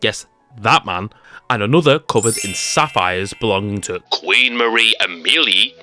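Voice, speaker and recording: A man's voice: fairly low pitch, moderate pace, bright, forceful tone, soft background music. Wisecracking young man narrating. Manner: jokey, sarcastic asides. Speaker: YouTube creator. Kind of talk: scripted tech-comedy narration.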